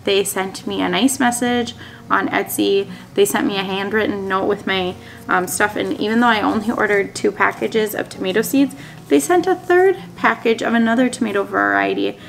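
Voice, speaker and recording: At a wooden table in her small dining room, a homesteading vlogger in her thirties from Minnesota, USA, talks to the camera about her seed packets. Her medium-pitched voice is animated and creaky, and she moves at a moderate pace. The chat is casual and upbeat, sprinkled with frequent ums.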